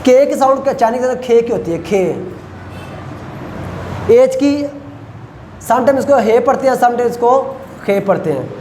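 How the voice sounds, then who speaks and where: A male lecturer who teaches Chinese pronunciation, repeats syllables slowly and quizzes his students. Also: very high-pitched, a little mellow. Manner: asks students questions. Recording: echoey room, faint ambient noise.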